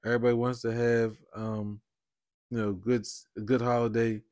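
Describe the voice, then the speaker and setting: A man's voice: medium pitch, little pitch movement, moderate pace, darkish tone, dry recording, studio quality. A man hosting his own podcast in a loose, rambling way, often tagging on "you know what I mean". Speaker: podcast host. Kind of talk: casual solo podcast talk.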